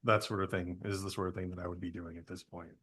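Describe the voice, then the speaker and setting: A man hosting a podcast, interviewing a guest in a casual, easygoing way with many fillers and pauses. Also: deep voice, level tone, fairly bright tone, slightly rough. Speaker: podcast host.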